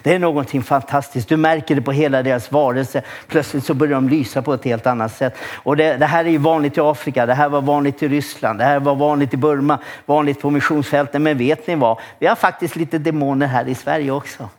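A male pastor giving a church sermon, telling stories with lots of restarts and bursts of excitement. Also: on the high side, hardly any pauses. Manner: lively storytelling with frequent restarts and rising excitement.

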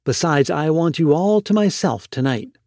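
A man reading as a loving middle-aged mother who talks in a soft, pleading way. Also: a little high, animated, normal speed, no echo, studio quality. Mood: gentle.

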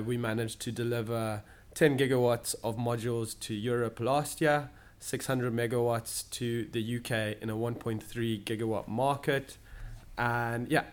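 Young man. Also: mid-range voice. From Zimbabwe. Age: young adult. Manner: steady, explanatory, pauses to find words. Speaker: guest, solar sales manager. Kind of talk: interview answers. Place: office in London.

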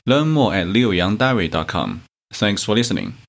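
A man from China, hosting a language podcast, reading out sounds one by one and enunciating each with long pauses. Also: lowish voice, sing-song. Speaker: language teacher and podcast host. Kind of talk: slow pronunciation drill.

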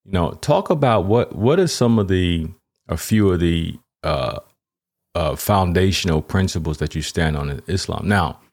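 Male podcast host, deep low voice, rambling questions, repeats himself. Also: expressive, moderate pace, darkish tone. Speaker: podcast host and Navy chaplain. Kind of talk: casual interview talk.

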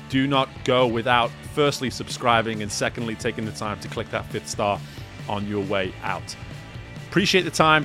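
A man's voice: medium pitch, fairly bright tone. A man hosting a podcast, summing up an interview in an earnest, upbeat way and often repeating words as he thinks. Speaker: podcast host. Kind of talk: podcast wrap-up talk.

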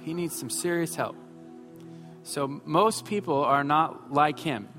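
A man's voice: a little high, slow pace, a bit bright. A pastor in his thirties preaching a sermon, mixing self-mocking humor with emphatic points. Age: 30s. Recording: long hall reverb with faint music.

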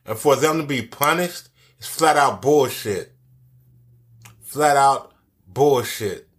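A man's voice: medium pitch, slow, fairly bright tone. A man giving angry social commentary, cursing a lot and repeating his key phrases for emphasis. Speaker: commentary vlogger.

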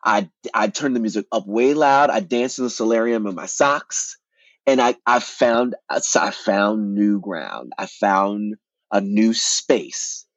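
A man, an actor and playwright, telling his story as an interview guest in an animated way, often repeating words and restarting. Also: fairly low pitch, takes it slowly, no echo, highs cut off.

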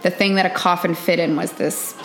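A woman's voice: lowish voice, steady tone, a little fast, faint music behind. A woman chatting casually as a co-host, telling stories with lots of restarts and asides. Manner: chatty, storytelling, self-interrupting. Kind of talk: casual chat.

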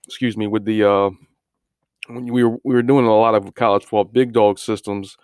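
A man with a fairly low, clean voice gives an informal solo recap as a podcast host. He often repeats words and restarts his phrases, pausing on filler words. The sound is close and dry. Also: steady tone, a little mellow, clear, resonant tone, no echo. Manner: halting, frequent filler words. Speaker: sports betting podcast host.

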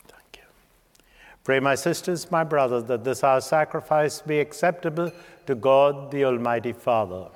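Male priest, solemn liturgical recitation, measured phrasing, medium pitch, long cathedral-like reverb. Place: large reverberant church.

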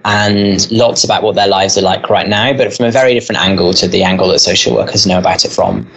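A man's voice: fairly low pitch, fairly bright tone, poor audio. A man who leads a school answers interview questions, talking earnestly and at length. He explains things in full, with the odd "um" and restart as he goes. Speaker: school leader.

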